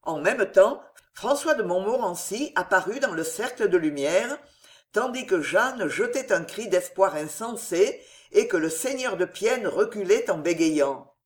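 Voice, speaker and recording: A narrator reading a historical novel aloud in a dramatic, measured manner. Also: mid-range voice, expressive. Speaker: audiobook narrator.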